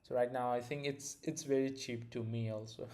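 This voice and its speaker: A young male live-stream host with an Indian accent chats casually and demos a product. His mid-range voice is steady and darkish at a normal speed, and his easygoing, rambling delivery is loose, full of fillers and frequent restarts.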